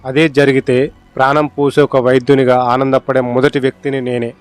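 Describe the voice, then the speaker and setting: A man voicing a calm, grave hospital doctor in a storybook reading. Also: mid-range voice, moderate pace, clear, resonant tone, faint music behind, lightly acted.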